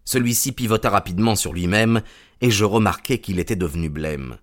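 Male narrator, lower voice, steady measured storybook reading.

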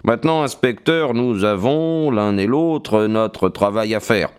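A man reading an audiobook, voicing a sharp, guarded male detective with a brisk, reserved manner. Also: fairly low pitch, clear, resonant tone, lightly acted.

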